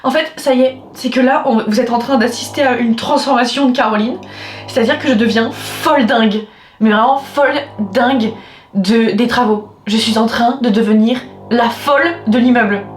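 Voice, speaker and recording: A woman's voice: on the high side, moderate pace. A woman vlogger venting to her viewers in a casual, exasperated way, with theatrical outbursts and swearing. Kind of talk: venting to camera, casual vlog. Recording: echoey room with faint music.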